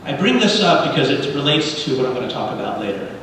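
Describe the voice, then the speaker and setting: The speaker, a middle-aged Cuban man whose first language is Spanish, leads a congregational service as a guest, giving a sermon-like public address with readings. His pitch is medium but swings widely, his tone is fairly bright, and he delivers each phrase earnestly and deliberately, pausing in between. He speaks to the congregation in a large, very reverberant hall, recorded from a distance with light noise.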